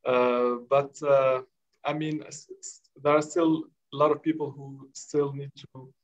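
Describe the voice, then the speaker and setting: A man moderating a panel over a video call, who speaks slowly and searches for his words. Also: mid-range voice, little pitch movement. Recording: dull, lo-fi video call audio.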